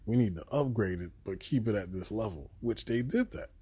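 A man talking through a show review on his podcast in a loose, rambling, profane way, with sudden excited bursts. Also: lowish voice, a little fast, breathy edge, no room sound. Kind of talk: casual spoken review.

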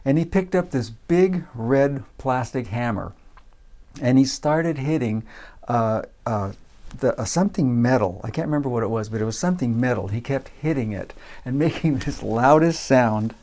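A man telling a personal story in a relaxed, casual way, with frequent fillers. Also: mid-range voice, moderate pace. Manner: relaxed, many uh fillers, acts out voices in quotes.

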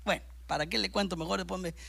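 High, bright-voiced preaching pastor. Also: male voice, fast talker, creaky, husky. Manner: animated, swings between loud bursts and hushed asides, keeps calling listeners "hermano". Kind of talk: sermon. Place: church service with a congregation present.

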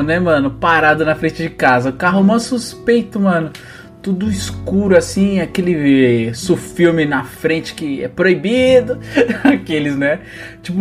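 A young man with a Brazilian Portuguese accent, joking and swearing casually as he banters on a podcast. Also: high voice. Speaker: podcast co-host. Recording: music behind the voice.

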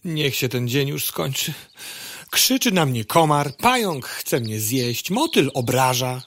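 A woman playing an excitable, hungry, whiny fly in a comic radio play, exclaiming and grumbling melodramatically. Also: extremely low pitch, slow, no echo, full character voice. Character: hungry, whiny, excitable young female fly named Lena.

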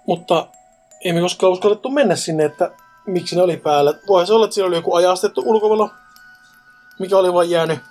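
A man's voice: sits high, a little mellow, soft background music. A man reading ghost stories aloud in a casual podcast chat, adding wry jokes between them. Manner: joking, wry asides. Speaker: co-host reading listener stories.

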